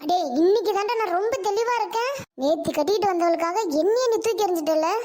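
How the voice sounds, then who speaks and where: A woman's voice: extremely high pitch, fast, darkish tone. A woman voicing an angry, bitter aging mother in a cartoon, scolding and accusing. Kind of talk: Tamil cartoon voice acting.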